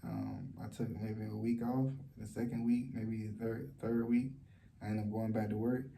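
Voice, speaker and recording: A man talking in a personal vlog, speaking softly and low in a halting way, with many fillers and restarts. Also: fairly even intonation, vocal fry, a little hiss or hum. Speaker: vlogger. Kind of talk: personal vlog, sharing a story of loss.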